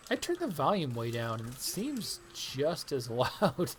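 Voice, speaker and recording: A woman's voice: a bass voice, sing-song, a little slow, slight background noise. A woman live streamer chatting casually while gaming, rambling and self-deprecating and laughing often.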